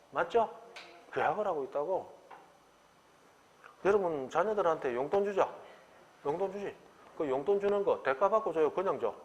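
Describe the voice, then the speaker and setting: A man's voice: sits high, big-room sound, slight background noise. A middle-aged man, giving an exam-prep law lecture and asking the class rhetorical questions. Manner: animated, acts out quoted dialogue, rhetorical questions.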